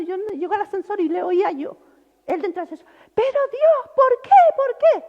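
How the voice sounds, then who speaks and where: Impassioned woman pastor preaching in a hall. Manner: impassioned, swings from loud outbursts to hushed lows. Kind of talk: sermon. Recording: reverberant hall, dull lo-fi sound.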